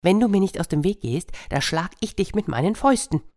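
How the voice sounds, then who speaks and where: A woman voicing a boastful, tricky male hare in a told fairy tale, shrill and loud. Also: very animated, moderate pace. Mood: shrill threats. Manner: shrill, pleading and cocky.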